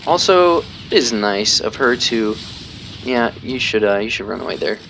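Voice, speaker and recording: A man's voice: medium pitch, lively intonation, moderate pace, a bit bright, slight background noise. Casual man commentating his own gameplay. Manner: casual, thinking aloud, self-deprecating; explains tactics while playing.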